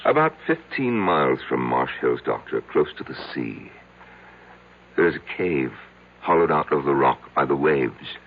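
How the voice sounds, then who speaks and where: A middle-aged man with a very deep, gravelly voice plays a petty, self-loathing, lonely husband who has been betrayed, confessing to his psychiatrist in a radio drama. He sounds broken, quiet and matter-of-fact, yet sing-song and heavily acted, speaking haltingly and hesitantly and repeating himself. The recording is a tinny, band-limited old radio broadcast.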